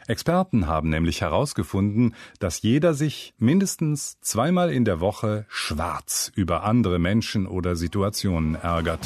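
A man's voice: lowish voice, normal speed, few pauses, no echo. A man narrating a scripted humorous story in a wry, storytelling manner, recorded close on a studio mic. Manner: wry, storytelling with lively intonation.

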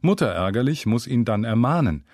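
A man's voice: mid-range voice, fairly quick, no echo. A man narrating a scripted humorous story in a wry, storytelling manner, recorded close on a studio mic. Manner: wry, storytelling with lively intonation.

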